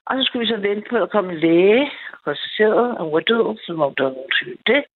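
Calling a late-night radio program, a woman with an expressive mid-range voice eagerly rambles through a personal story, frequently starting over. The phone line sounds tinny.

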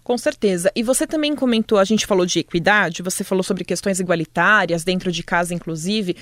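A woman's voice: on the low side, a little fast, no echo. A woman with a Brazilian Portuguese accent, hosting an interview. She talks in a chatty way and asks long, winding questions. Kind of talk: conversational interview.

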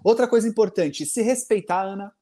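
A man, co-hosting a podcast and giving parenting advice in a casual, animated way, often acting out the voices in his stories. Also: high-pitched, fairly quick. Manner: animated, acts out quoted voices in anecdotes.

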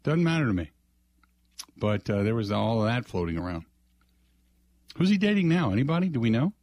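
A man's voice: mid-range voice, big pitch swings, a little fast, darkish tone, dry recording. An American man hosting sports talk radio, chatting casually in a folksy, conversational way and slipping into sponsor plugs. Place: dry radio studio. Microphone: close broadcast mic.

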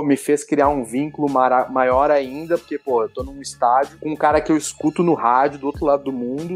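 A man's voice: on the high side, husky. A Brazilian man in his thirties, a podcast guest, telling a personal story in casual chat, rambling with frequent restarts. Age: 30s.

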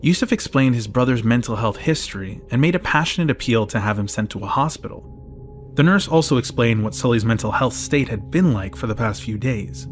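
Measured male narrator over music. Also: medium pitch. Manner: measured, even, factual. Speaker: documentary narrator. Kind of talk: scripted narration.

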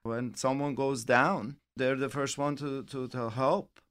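A man's voice: medium pitch, fairly even intonation, measured pace, a bit bright. A middle-aged man hosting a financial radio show, chatting casually and rambling with many restarts.

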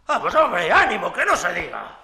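A man's voice: high voice, wildly swooping pitch, normal speed, vocal fry, bright, forceful tone, full character voice. An actor playing a simple, good-natured rustic man with folksy, homespun talk, in a 1970s radio play. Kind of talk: 1970s radio drama acting. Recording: roomy old radio studio.

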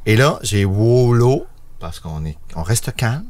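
A Québécois man co-hosting a podcast in a studio, full of jokes and gags. His pitch swings widely as he talks, and now and then he jumps into a high, silly voice for a bit. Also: lively intonation, slow, a little mellow, no echo. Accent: Québécois French. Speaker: podcast co-host. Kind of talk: playful podcast banter. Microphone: studio microphone.

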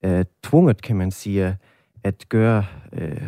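A man from Germany with a German accent, an interview guest who works as a conductor, speaking in a measured way with fillers. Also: low voice, mellow, dry recording, studio quality. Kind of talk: casual interview chat.

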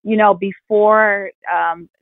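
A woman's voice: mid-range voice, fairly even intonation, takes it slowly, no room sound. Woman on a tinny phone line. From Fort Worth, Texas. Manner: reflective, many fillers and restarts. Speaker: film director guest. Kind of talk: interview over a phone line.

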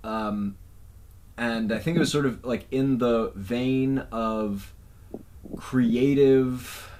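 A man's voice: medium pitch, extremely slow, darkish tone. A man hosting a live stream, chatting casually with many "like"s and "um"s. His audio comes through echoey and from a distance. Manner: chatty, hesitant, full of "like" and "um".

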